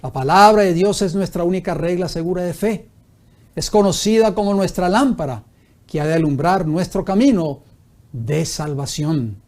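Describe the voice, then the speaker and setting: A man's voice: high-pitched, normal speed, darkish tone. A man pastor teaching a Bible study sermon, reading scripture aloud and asking his listeners rhetorical questions.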